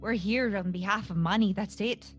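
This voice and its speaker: A woman's voice: mid-range voice, normal speed, faint music behind, close to an everyday voice. Woman playing a guarded adventurer. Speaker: player. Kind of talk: in-character tabletop roleplay.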